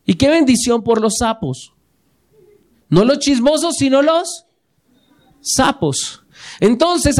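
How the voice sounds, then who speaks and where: Male pastor, high voice, sermon, prompts the congregation with questions, repeats key lines. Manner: asks the congregation questions and waits for replies; repeats key phrases for emphasis.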